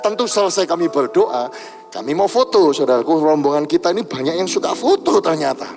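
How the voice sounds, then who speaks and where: A man preaches from a church pulpit in a high voice, telling the congregation a story. Music plays clearly beneath his sermon. At its peaks he climbs into impassioned shouts. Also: lively intonation, a little fast. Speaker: pastor. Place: church sanctuary.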